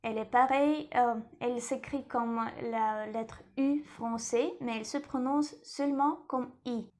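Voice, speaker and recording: A woman teaching a lesson in French, repeating each word slowly and carefully. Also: fairly high pitch, fairly even intonation, darkish tone. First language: Russian. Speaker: language teacher.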